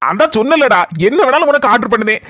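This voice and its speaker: A woman voicing a boastful, penniless husband in a comic cartoon, with a Kanyakumari Tamil accent and a teasing, smooth-talking manner. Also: high-pitched, quick pace, a bit bright, no echo. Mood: scheming. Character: boastful broke husband back from abroad.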